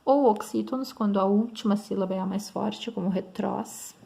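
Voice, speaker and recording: A woman's voice: mid-range voice, normal speed, creaky, dark tone. A woman with a Brazilian Portuguese accent teaching grammar in an online lesson, explaining step by step and checking in often with her students.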